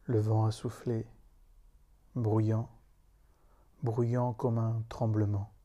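A man who leads meditation reads his own solemn poetry in a lowish, very mellow and dark voice. The pace is slow and meditative, broken by grave pauses between short phrases, and his intonation stays flat and even.

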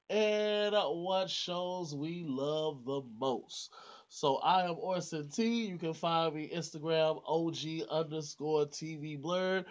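Laid-back male podcast host, higher voice. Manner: laid-back, joking, apologetic banter. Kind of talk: casual chat.

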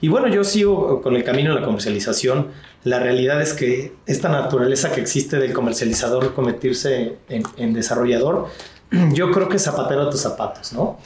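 A man's voice: medium pitch, animated, brisk, darkish tone. Man, interview answers, thoughtful with fillers, roomy echo, faint noise. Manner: thoughtful, with frequent fillers and restarts. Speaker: real estate sales executive.

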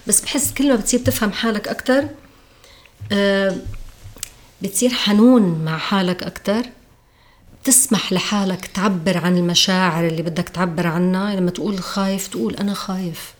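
A woman's voice: mid-range voice, fairly even intonation, brisk. A woman with a Levantine Arabic accent, a podcast guest in casual, reflective conversation. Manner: reflective, acts out quoted voices.

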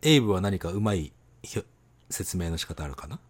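A man co-hosting a casual podcast chat, animated and teasing, laughing often. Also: low voice, brisk, slightly rough. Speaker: podcast co-host.

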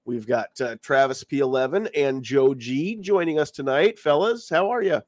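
Medium-pitched and at normal speed, a male podcast host sounds studio quality with no echo. Congested and getting over a cold, he talks around a lozenge in a casual live-stream chat.

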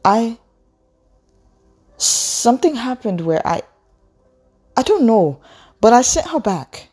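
A woman's voice: fairly high pitch, big pitch swings, slow, a little mellow, breathy edge, voice pushed up, exaggerated voice. A woman reading aloud and voicing an earnest, emotional teenage girl in a storybook. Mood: shaken.

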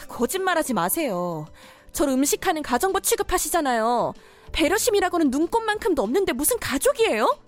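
A woman voices a young daughter-in-law in a cartoon story drama, courteous yet firmly standing her ground. Her high voice swings widely in pitch, with soft music underneath. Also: very animated, fairly quick. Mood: defiant. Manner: polite at first, then pushes back firmly.

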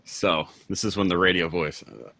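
A young man hosting a casual podcast, reading his intro in an upbeat, relaxed way. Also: sits low, moderate pace, creaky. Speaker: podcast host.

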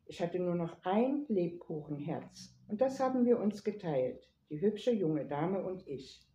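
Mellow woman reading a story aloud. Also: on the low side, expressive, unhurried. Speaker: reader. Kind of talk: storybook narration. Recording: echoey room.

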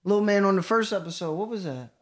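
A man's voice: high voice, fast talker. A young man co-hosting a podcast, joking around in an easygoing, casual way. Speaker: podcast co-host. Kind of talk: casual chat.

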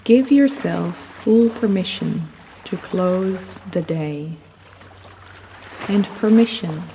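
A woman giving soothing, unhurried sleep story narration, gently guiding the listener through relaxation. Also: fairly low pitch. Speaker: guided sleep meditation narrator. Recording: long reverb, audible background noise.

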